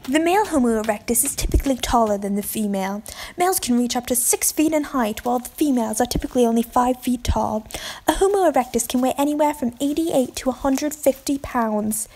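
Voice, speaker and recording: Mellow woman reading out facts. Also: on the high side, animated, brisk. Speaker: narrator.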